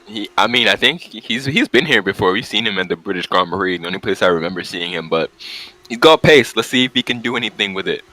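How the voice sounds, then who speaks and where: Deep, bright-voiced man calling races. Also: lively intonation, fast, poor audio. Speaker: race commentator, host. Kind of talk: casual live sim-race commentary.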